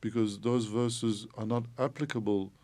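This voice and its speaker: A man from Turkey, a theologian guest on a podcast, explaining in a measured way with frequent hesitations. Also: fairly low pitch, steady tone, dark tone. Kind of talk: podcast interview.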